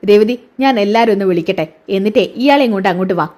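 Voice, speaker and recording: A woman voicing an angry young man who shouts orders at his family while retelling a TV serial. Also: mid-range voice, racing, lightly acted. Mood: angry commanding. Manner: shouting, commanding.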